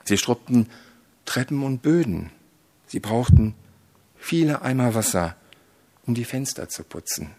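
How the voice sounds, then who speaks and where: A male preacher delivers a sermon at a slow, deliberate pace. His voice is a little husky and sits in a mid register. He moves between hushed solemnity and loud, dramatic emphasis. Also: medium pitch. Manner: slow, solemn, with dramatic swells when telling a story.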